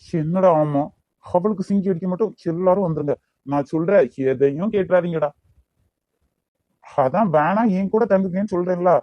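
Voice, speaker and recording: A man's voice: high-pitched, normal speed, dry recording, highs cut off, natural voice. A man voicing a jealous, bossy young man in a cartoon, with a Kanyakumari Tamil accent. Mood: grumbling. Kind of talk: amateur cartoon voice acting.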